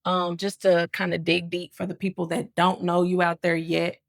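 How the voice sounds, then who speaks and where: A woman's voice: on the low side, level tone, moderate pace, creaky, dry recording. Hyped, encouraging woman host. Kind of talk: casual interview hosting.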